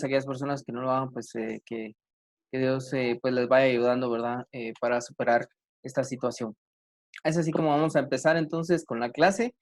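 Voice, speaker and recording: A man teaching an online grammar class, talking slowly with many fillers and restarts. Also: mid-range voice.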